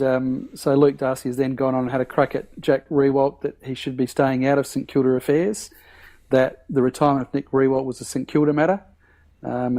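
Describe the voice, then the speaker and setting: Halting man panelist. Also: mid-range voice, mellow. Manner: halting, many ums and uhs. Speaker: podcast panelist. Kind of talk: casual chat.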